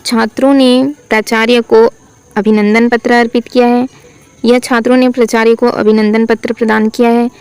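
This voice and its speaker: A woman teaching a Hindi grammar lesson for exam practice. She reads sentences out slowly, asks what is wrong and answers herself. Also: a little high, level tone, a little mellow, clear, resonant tone, dry recording, low-quality recording. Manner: asks questions then answers them herself.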